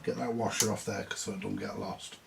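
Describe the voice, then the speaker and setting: With a fairly low, flat-sounding voice and vocal fry, a British man speaks fairly quickly while fixing vintage radios at an indoor workbench. His hands-on commentary comes as short, plain-spoken, casual thoughts voiced aloud, and clicks and noticeable background noise run through the recording.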